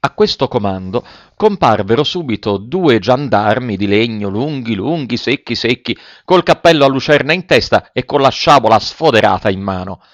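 A man's voice: medium pitch, lively intonation, moderate pace, few pauses, no room sound, muffled recording. Man reading a storybook in a dry voice. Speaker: audiobook reader. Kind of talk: scripted storybook narration.

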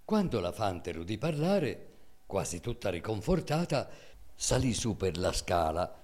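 A man giving a dramatic, measured reading of classic prose. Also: fairly low pitch. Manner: expressive, measured storytelling. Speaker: reader.

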